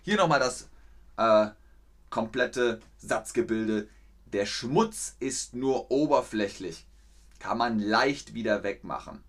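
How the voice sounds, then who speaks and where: Slow, patient man teaching a live class. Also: fairly low pitch, animated. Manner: patient, slow and clear, repeats example sentences. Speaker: German language teacher streaming. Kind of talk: livestreamed language lesson answering chat.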